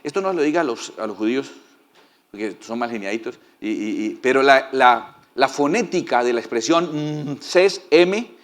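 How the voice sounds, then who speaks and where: A male pastor preaching a sermon in a folksy, joking way and often asking the congregation for agreement. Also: a little high.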